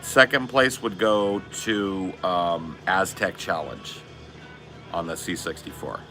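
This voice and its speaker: A man's voice: deep voice, slow, music in the background. A man in his forties chatting casually on a live stream, laid-back and slangy, swearing often. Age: 40s. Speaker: streamer reading chat.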